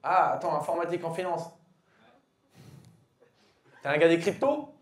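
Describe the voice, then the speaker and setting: A man in his thirties doing stand-up crowd work on a comedy club stage with a handheld mic, teasing an audience member with loud punchlines and quick asides. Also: on the high side, animated, echoey room. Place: comedy club stage, dark curtain backdrop. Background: audience laughing.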